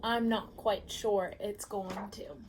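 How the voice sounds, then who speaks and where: A woman reading a picture book aloud as a bedtime story, pausing to ask the listener questions. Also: mid-range voice, noisy background. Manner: slow, gently expressive reading with questions to the listener.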